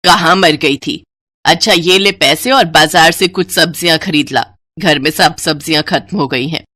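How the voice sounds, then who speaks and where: A woman voicing a harsh, scolding older mother-in-law in a cartoon story, with a low, scornful delivery. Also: moderate pace, bright, forceful tone. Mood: shouting. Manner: scornful, bossy.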